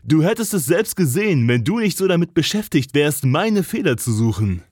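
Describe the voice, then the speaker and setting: Audiobook figure: narrator doing a smug, brooding male rival, murmured and slightly husky. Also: sing-song, darkish tone, dry recording, clean studio sound. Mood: cool. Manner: low, murmuring, slow. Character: brooding young man architect, cool and smug.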